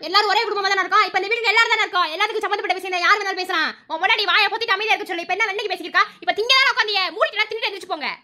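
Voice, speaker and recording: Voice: extremely high pitch, racing, few pauses, sharp tone, heavily acted. A performer voicing a fierce older grandmother in a cartoon, with a Madurai Tamil accent, scolding and threatening in a mocking way. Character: old mother-in-law, fierce grandmother of the house. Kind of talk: cartoon voice acting.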